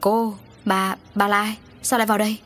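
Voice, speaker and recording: A woman's voice: mid-range voice, little pitch movement, very slow, mellow, slight background noise. A woman voicing a rich older man who stammers in guilty fright. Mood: startled.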